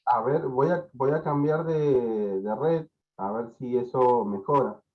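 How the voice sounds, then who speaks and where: A man's voice: mid-range voice, slow. Male lecturer on a video call with bad, cutting-out internet; tinny, hesitant, full of fillers. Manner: hesitant, many fillers and repeated words. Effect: choppy, breaking-up internet connection. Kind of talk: online lecture. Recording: tinny, choppy online call audio.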